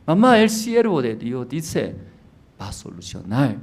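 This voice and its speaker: A man's voice: huge pitch swings, measured pace, heavily acted. A man voicing a young missionary son who pleads desperately with his mother. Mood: pleading. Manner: pleading, high and loud.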